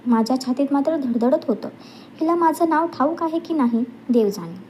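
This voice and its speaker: A woman's voice: high-pitched, expressive, moderate pace, mellow, slight background noise, poor audio. A woman reading a humorous novel aloud as an audiobook, telling the story expressively and acting out the voices of quoted relatives. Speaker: reader of a novel.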